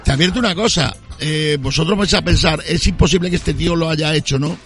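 Gravelly joking talk show host, man. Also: a little high, a little fast, a bit bright. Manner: joking, rambling, self-interrupting. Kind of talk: playful radio-style talk show hosting. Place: outdoor terrace.

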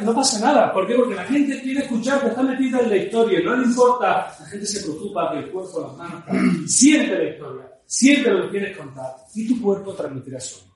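A man giving a lively, playful talk on storytelling as a public speaking coach, swinging between loud and soft. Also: high voice. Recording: very echoey room, mic far off, faint noise.

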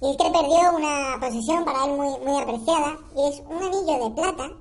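A woman from on a comedy podcast, telling an odd news item in a playful, deadpan way. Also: high-pitched, fairly quick, soft background music. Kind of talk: comic news segment.

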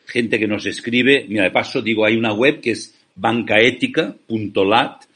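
A Spanish man who founded an ethical bank gives passionate, persuasive interview answers over a remote call, often posing rhetorical questions. His voice is fairly low, husky and a bit bright, at a moderate pace.

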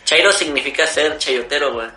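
A man's voice: fairly high pitch, brisk. A young Mexican man in casual chat, joking crudely and teasing his friends. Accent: Mexican Spanish. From Mexico, Jalisco. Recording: roomy echo with faint music.

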